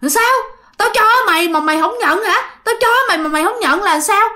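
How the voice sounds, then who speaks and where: Woman putting on a shrill taunting ghost granny. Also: measured pace, pushed and bright. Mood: menacing. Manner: shrill, taunting, high-pitched. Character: eerie female ghost around sixty, sweet then menacing.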